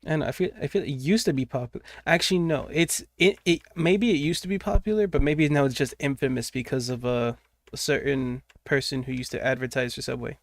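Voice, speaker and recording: A man's voice: mid-range voice, a little fast. A young man streaming while he draws, chatting casually, rambling and swearing, muttering to himself as he works. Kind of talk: casual livestream chat while drawing.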